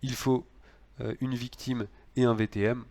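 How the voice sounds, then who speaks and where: A man's voice: mid-range voice, little pitch movement, measured pace, a little mellow. A man lecturing on law, explaining cases with frequent fillers and restarts.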